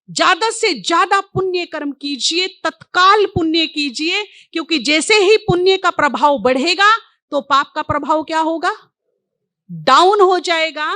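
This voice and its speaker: A woman's voice: high-pitched, a bit bright, no echo. A woman spiritual teacher speaking to a live audience. She poses rhetorical questions, answers them herself, and repeats key words for emphasis.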